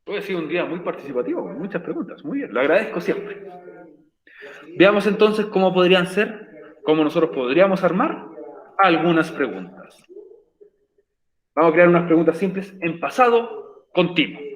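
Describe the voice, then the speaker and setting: A man's voice: high-pitched, big pitch swings, moderate pace, long pauses, echoey room. A man teaching an online English class, patient and encouraging, explaining step by step.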